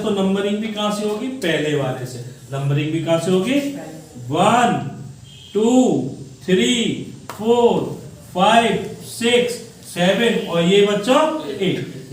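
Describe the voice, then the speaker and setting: A male chemistry teacher lecturing at a board, quizzing students and repeating key words for them to answer. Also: high-pitched. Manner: call-and-response questioning, repeats key words. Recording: echoey room from far off.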